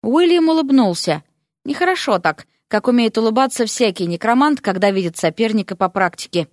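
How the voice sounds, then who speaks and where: A woman narrating a fantasy story with a lively, expressive reading. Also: a little high, fairly quick, no room sound, studio quality. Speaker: audiobook narrator.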